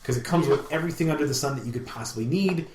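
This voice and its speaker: A man co-hosting a podcast chats casually, enthusiastic and rambling, in a voice that's a little high and a little mellow and comes out very fast. The recording has a roomy, echoey sound with a little hiss or hum.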